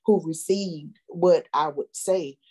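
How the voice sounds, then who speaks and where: A woman's voice: on the low side, slow pace, darkish tone, husky. A middle-aged woman, a bus operator, telling stories as an interview guest. She laughs often and hesitates with fillers. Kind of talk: storytelling in an interview.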